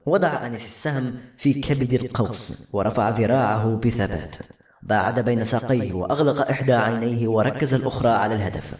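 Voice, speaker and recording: A man reading a novel aloud as narrator in brisk, steady storytelling. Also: mid-range voice, roomy sound. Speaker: audiobook narrator.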